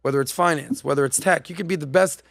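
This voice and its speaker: A man in his forties hosts a casual podcast from a studio set, speaking into a boom-mounted mic. His voice sits a bit high for a man, and the sound is close and dry. He tells stories animatedly, slipping into quoted voices. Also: quick pace, gravelly, fairly bright tone, no room sound. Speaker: podcast host. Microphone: studio mic on boom arm.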